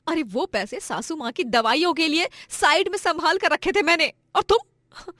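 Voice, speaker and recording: A woman voicing a hardworking young daughter-in-law who scolds her drunk husband in an animated story. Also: a little high, normal speed, dry recording, studio quality, pitched above the performer's own voice, lightly acted. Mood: furious. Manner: scolding, indignant.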